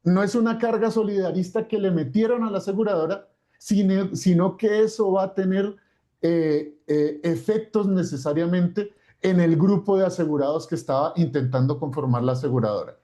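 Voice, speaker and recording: A man's voice: sits high, normal speed, dark tone. A man lecturing off the cuff as an expert, explaining step by step and repeating phrases for emphasis. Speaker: expert speaker.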